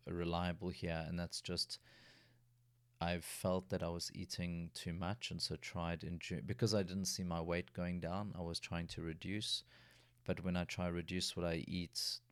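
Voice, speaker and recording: Guy with a really low smooth voice, rambling casual vlog talk, dry close sound. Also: a bit bright, dry recording. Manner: rambling, with many restarts and yawns. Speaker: vlogger. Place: lives in a city in Germany.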